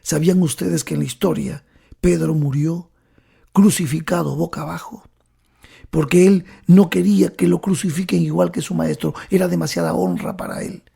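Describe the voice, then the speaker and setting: Gravelly, husky male preacher. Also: fairly high pitch, fairly even intonation, moderate pace. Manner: dramatic storytelling, often dropping to a hushed whisper; addresses the listener directly. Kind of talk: sermon.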